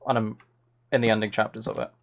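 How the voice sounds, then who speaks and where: A young man talks into a close mic while streaming a game, rambling casually and poking fun at himself. His voice is fairly low and flat, and he speaks quickly.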